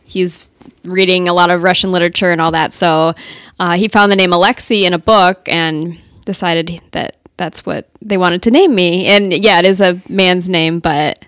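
A woman's voice: fairly low pitch, fairly even intonation, normal speed, a bit bright, clean tone, no room sound, clean studio sound. A woman from the United States in a casual podcast chat, telling a personal anecdote in a chatty way.

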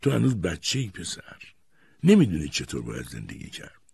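A man voicing a gentle, kindly old grandmother who speaks softly and coaxingly. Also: low voice, huge pitch swings, vocal fry, breathy edge, no room sound, exaggerated voice. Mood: wry. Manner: soft, coaxing.

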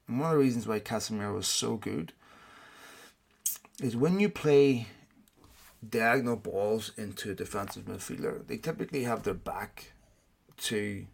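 Man, gravelly creak, braces on his teeth, opinionated football pundit, casual discussion, repeats words to stress points. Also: on the low side. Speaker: guest football pundit on a show.

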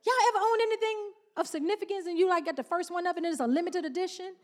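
High-voiced woman preaching. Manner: preaching with call-and-response, drawn-out emphasis. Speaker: pastor. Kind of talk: sermon.

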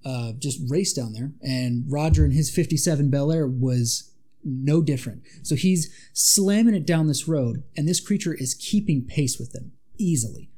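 A podcast co-host casually retells a monster legend, storytelling with dramatic asides. His voice is a little high with a dark tone, at normal speed.

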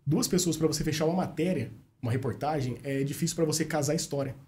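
A man's voice: a little high, quick pace. A man, a journalist chatting casually as a podcast guest and telling stories, acting out the dialogue he quotes. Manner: animated storyteller, acts out quoted dialogue.

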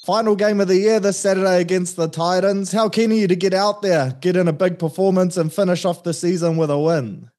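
A man with a high voice hosts a sports podcast, keeping things upbeat and chatty. He asks his questions casually and throws in slang. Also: fairly even intonation, fairly quick, hardly any pauses, a little mellow. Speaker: podcast host.

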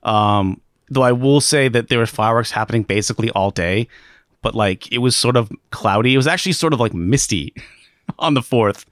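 A man's voice: mid-range voice, normal speed, fairly bright tone, no room sound, studio quality. A man co-hosting a live stream, chatting casually in rambling, joking rants full of fillers. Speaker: stream co-host. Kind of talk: casual chat.

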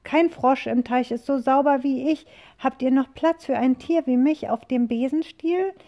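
A woman voicing a cheerful, proud little male frog with a chirpy, croaking manner while reading a rhyming picture book aloud. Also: high voice, normal speed, dark tone, pitched above the performer's own voice.

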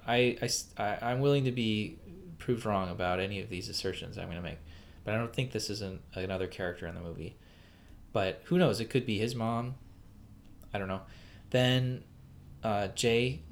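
A man with a somewhat low voice talks through a film on a casual podcast, meandering and halting, full of fillers and self-corrections. A faint noise sits under the recording. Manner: rambling, halting with many fillers and restarts. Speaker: podcast co-host.

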